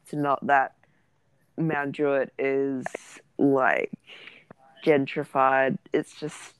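Gravelly Australian woman in blunt, casual chat. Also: a bass voice, little pitch movement, extremely slow, low-quality recording. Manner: blunt, Aussie slang. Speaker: podcast co-host.

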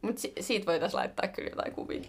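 A woman's voice: medium pitch, expressive, slightly rough. A young woman co-hosting a podcast, chatting casually and telling stories with laughter and slangy swearing. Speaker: podcast co-host. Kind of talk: casual chat.

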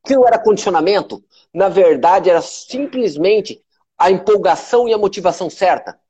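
A man's voice: high voice, lively intonation, fairly quick, dark tone, breathy edge, lo-fi sound. A man with a Brazilian Portuguese accent hosting a motivational live stream, emphatic and repetitive, swearing freely. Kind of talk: motivational live talk to followers.

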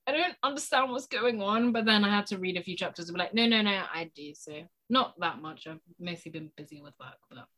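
A woman co-hosting a casual gaming podcast, relaxed and trailing off softly. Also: fairly low pitch. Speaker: podcast co-host. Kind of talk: casual chat.

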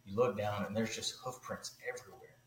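A man, a podcast guest, telling a long story in a casual, animated way, with many fillers. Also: on the low side, brisk, roomy sound, a little hiss or hum, poor audio.

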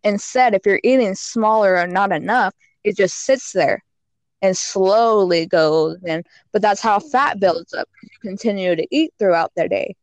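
A woman's voice: mid-range voice, unhurried, no room sound. A woman guest on a casual podcast, giving frank fitness and diet advice with lots of "like" and "you know.".

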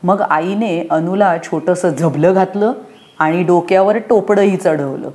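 A young woman reads a children's story aloud, gentle and expressive in her delivery. Her voice sits a little low for a woman. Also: unhurried.

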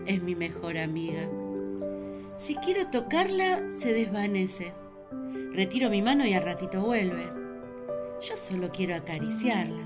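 A woman's voice: medium pitch, close to an everyday voice. Eve, a woman as the chatty first woman. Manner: chatty, wondering, expressive. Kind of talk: radio drama narration.

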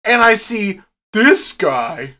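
A man's voice: high voice, slow pace. A man co-hosting a casual podcast, ranting with heavy swearing. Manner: profane, ranting, animated. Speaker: podcast co-host.

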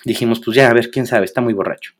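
A man's voice: medium pitch, quick pace, breathy edge. A young man with a Mexican accent, co-hosting a podcast and casually telling a story with lots of slang and acted-out quotes. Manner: animated, slangy, acts out quoted voices. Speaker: podcast co-host.

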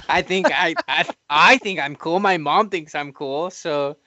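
A man's voice: a little high, slow pace, sharp tone, no echo, muffled recording. A man hosting a podcast, talking casually in a playful, boastful way, often laughing. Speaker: podcast host, performer.

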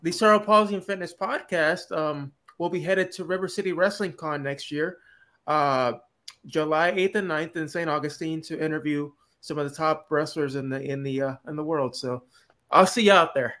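A man's voice: a little high, fairly even intonation, normal speed, fairly bright tone. A man speaking casually as a panelist on a podcast.

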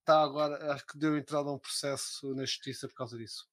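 A man's voice: medium pitch, fairly even intonation, quick pace. A young man with a European Portuguese accent chatting casually as a live stream co-host, slangy and full of swearing.

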